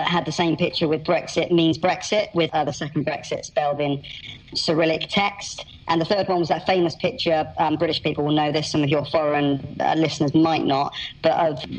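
A man whose voice is electronically altered for anonymity, explaining things in measured, articulate detail as an interview guest. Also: on the high side, low-quality recording. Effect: electronically altered voice to disguise identity.

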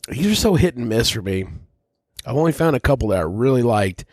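A man's voice: medium pitch, sing-song, brisk, a little mellow, breathy edge, dry recording, studio quality. A man hosting a casual whiskey tasting, talking bluntly and rambling, with frequent swearing. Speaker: whiskey reviewer host.

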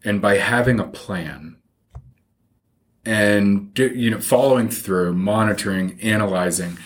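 Male financial advisor as interview guest, low voice, plain-spoken and informal, explaining conversationally. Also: measured pace.

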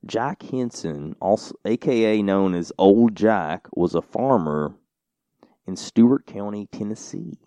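A man co-hosting a casual podcast tells a story in a low, dark voice. He rambles, filling his sentences with "like" and "you know." The sound is dry and close. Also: lively intonation, measured pace, no echo. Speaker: podcast co-host.

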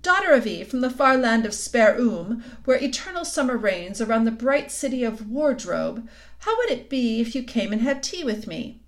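A woman's voice: a little high, big pitch swings, normal speed. A woman voicing a polite, flustered, slightly melancholy male faun in a storybook, speaking in a courtly, hesitant, formal way. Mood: inviting.

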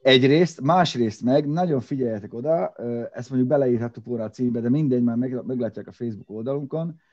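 The sound is lo-fi as this man, a co-host of a laid-back car podcast, rambles in bursts, restarting and using fillers. He records apart from the other hosts, and his mid-range voice has a darkish tone.

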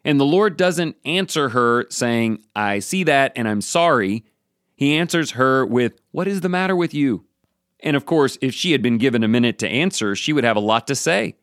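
A man gives a Bible devotional in an earnest, direct way, as if talking to one listener. His voice sits at a middle pitch. The sound is dry and close, with no room echo. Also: expressive, normal speed, a bit bright. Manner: earnest, speaks straight to the listener. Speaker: devotional speaker.

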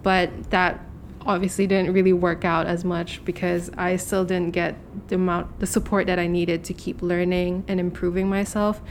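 A young woman from Hong Kong, a podcast guest, telling candid stories quickly with lots of fillers. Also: on the low side, level tone, a little hiss or hum. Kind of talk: casual interview chat.

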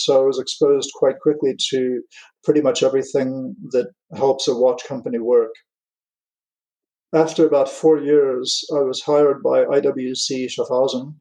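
An American-born man with an English accent blended with continental European tones, speaking as a guest in an interview in a thoughtful, unhurried way with frequent fillers. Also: mid-range voice, a little mellow, poor audio. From USA. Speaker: guest watch designer. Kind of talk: relaxed interview chat.

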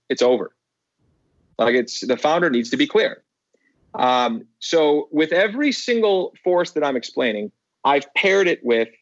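A man's voice: medium pitch, no room sound, dull audio. A man speaking as a podcast guest, telling stories with emphatic repeated phrases. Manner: emphatic, repeats words for effect. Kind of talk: animated storytelling.

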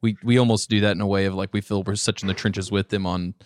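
A man co-hosting a casual podcast interview, asking quick, friendly questions. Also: lowish voice, steady tone, no echo, studio quality. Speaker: podcast co-host.

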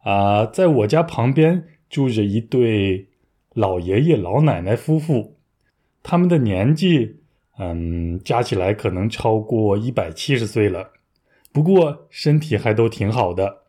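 Mellow-voiced man teaching a language. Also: lowish voice, lively intonation, unhurried. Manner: clear, patient explaining with playful asides. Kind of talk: scripted language lesson.

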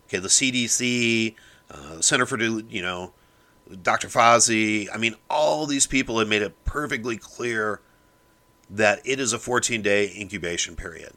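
Male podcast host, forceful edgy tone, heated lecturing monologue, low-leaning voice. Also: normal speed. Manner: fired-up, lecturing, keeps addressing listeners as "people". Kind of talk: opinion monologue.

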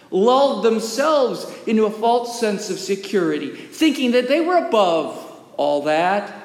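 A high-voiced man delivers a sermon at an unhurried, deliberate pace, leaving long pauses between phrases. His voice rings through a roomy old sanctuary with a long, trailing reverb. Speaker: pastor. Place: historic church sanctuary.

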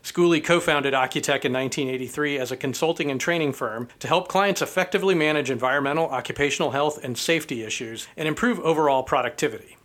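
A man's voice: fairly high pitch, fairly bright tone. A man hosting a business podcast, reading a polished introduction and then asking interview questions. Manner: brisk, polished read-out delivery. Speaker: podcast host.

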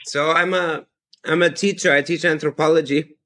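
A man's voice: a little high, fairly even intonation, moderate pace, pushed and bright. Chatty man from Austria in his fifties. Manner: enthusiastic, chatty, laughs often. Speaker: podcast guest. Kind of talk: casual chat.

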